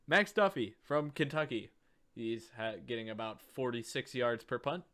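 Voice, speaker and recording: A man's voice: mid-range voice, animated, unhurried, fairly bright tone. A young man with a mid-range voice banters through a casual football podcast. He teases his co-host with a joking, easygoing delivery. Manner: joking, laughs between remarks. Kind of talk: casual sports chat.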